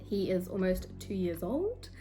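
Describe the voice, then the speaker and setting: A young South African woman whose first language is Afrikaans chats casually and self-deprecatingly to camera as a book vlogger, with frequent ums and a South African accent. Her lowish, dark voice is very animated yet measured in pace, caught by a phone or camera mic at her desk with faint music behind.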